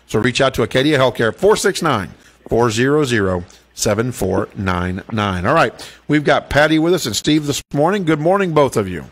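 A man's voice: mid-range voice, expressive, moderate pace. A man hosting a morning talk radio show, playful and upbeat in his announcing. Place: radio studio. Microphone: studio broadcast mic. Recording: radio broadcast with music underneath.

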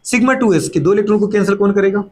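A man's voice: high-pitched, darkish tone. A middle-aged man teaching chemistry to a class, firing off rhetorical questions and playfully scolding students, sometimes voicing their replies. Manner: fast repeated catchphrases and rhetorical questions. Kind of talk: classroom lecture.

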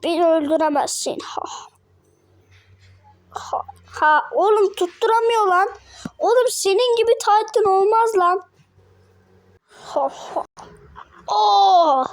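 A woman giving playful, slangy gameplay commentary, yelping, giggling and voicing the fighters. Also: extremely high pitch. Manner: excitable, slangy, yelps and giggles. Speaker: gameplay narrator.

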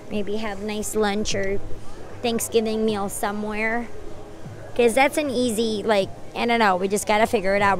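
A young woman chatting casually with viewers on a live stream. She sounds tired, says she is losing her voice, and rambles as she thanks people by name. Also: medium pitch.

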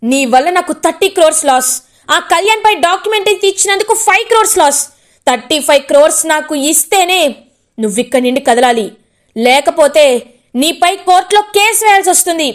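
A woman's voice: very high voice, lively intonation, fairly quick. A woman voicing an angry male businessman who threatens and demands money, in a retold television serial. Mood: threatening. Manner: shouting threats.

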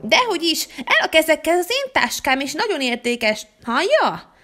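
A high, bossy little girl from a toy-figure story, as a woman puts her on. She sounds demanding and quick to protest. Her voice leaps about in pitch. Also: sing-song. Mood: indignant.

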